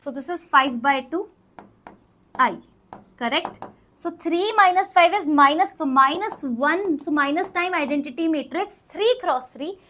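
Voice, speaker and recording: Casting: female maths teacher, North Indian accent, very high bright voice, emphatic live-lesson delivery with repeated phrases. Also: lively intonation, unhurried, slight background noise. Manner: emphatic, repeats phrases, checks understanding with questions. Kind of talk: live online exam-prep lesson, working through problems aloud.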